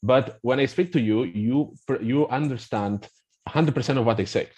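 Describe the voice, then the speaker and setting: Here a middle-aged guest from Spain, who represents a language app, speaks at normal speed in a medium-pitched, slightly mellow voice. His Spanish accent is clear, and he explains hesitantly and conversationally, often filling pauses and restarting sentences.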